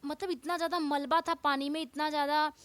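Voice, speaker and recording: A woman teacher explaining a textbook chapter, reading English lines slowly and then explaining them at length. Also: high voice, little pitch movement, dry recording.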